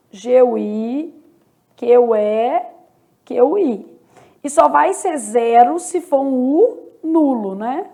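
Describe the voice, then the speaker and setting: A woman's voice: high-pitched, creaky, dark tone. A woman teaching Portuguese in an online lesson, explaining step by step and often checking in with the viewer. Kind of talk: online exam-prep lesson.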